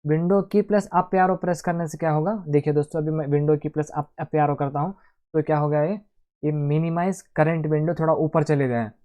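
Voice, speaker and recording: This tech tutorial host speaks briskly in a fairly high, steady, warm and mellow voice. He chats his way through a casual screen recording, calling viewers "friends," narrating each click and explaining every keyboard shortcut aloud.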